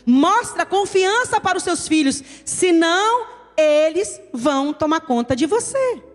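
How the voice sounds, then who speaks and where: A woman's voice: very high voice, expressive, measured pace. A woman pastor with a Brazilian accent, preaching an emphatic sermon and addressing her listeners as "querido". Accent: Brazilian Portuguese. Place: church hall. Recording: reverberant church hall with soft music.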